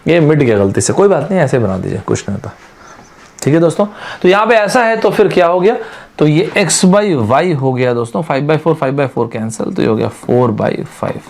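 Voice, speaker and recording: A male teacher gives an online exam-prep lesson in a fairly high voice. He talks to his students in a chatty, friendly way and mixes English terms into his explanations. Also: lively intonation, moderate pace, vocal fry, a little mellow. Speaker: aptitude teacher.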